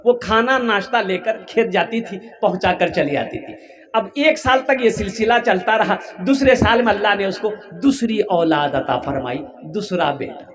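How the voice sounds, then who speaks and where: A man preaching in a high, carrying voice with a Kolkata Hindi-Urdu accent. He tells a moral tale as a sermon, acting out each character with sudden leaps in pitch and bursts of intensity. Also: moderate pace, crowd noise. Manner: animated storytelling, acting out voices with big pitch jumps. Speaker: Islamic preacher. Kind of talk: storytelling sermon.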